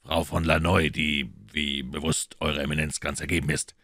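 A man voicing a cold, devoted nobleman agent who reports in curt, measured tones, in a storybook reading. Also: a bass voice, level tone, pushed and bright, no room sound, clean studio sound, heavily acted. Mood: secretive.

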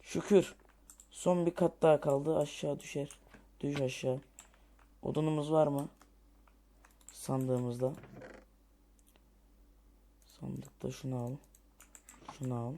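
A man narrates his own building game as he plays, muttering his next moves aloud. He keeps getting annoyed, cursing at creatures and complaining about how long everything takes, in a mid-pitched, everyday voice. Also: steady tone, slow pace, vocal fry, pauses often, dark tone. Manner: frustrated, grumbling and cursing at the game; thinking aloud while building. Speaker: gamer. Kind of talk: let's play commentary.

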